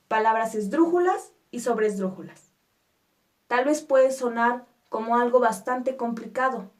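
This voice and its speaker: Slow patient woman teaching a lesson. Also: on the high side. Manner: patient, stresses syllables one by one; reassuring rhetorical questions to viewers. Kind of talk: explanatory spoken lesson.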